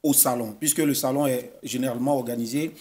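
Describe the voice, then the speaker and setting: A man's voice: mid-range voice, steady tone, fast talker, warm tone. A young man with an Ivorian French accent, hosting a studio TV interview and asking insistent, probing questions. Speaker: TV host. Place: TV news studio. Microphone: desk microphone.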